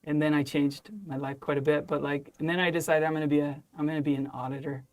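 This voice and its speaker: A man's voice: fairly high pitch, quick pace. A middle-aged man hosting a podcast, telling stories in casual chat and laughing often. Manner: laughing, excitable storyteller. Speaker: podcast host.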